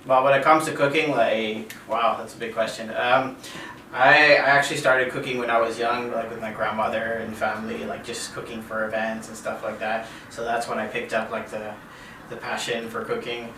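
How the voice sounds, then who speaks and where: A man, a chef and caterer from Canada, talking casually in an interview, relaxed, with many fillers and repeated phrases. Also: mid-range voice, normal speed. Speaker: interview guest. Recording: roomy, distant from mic, faint noise.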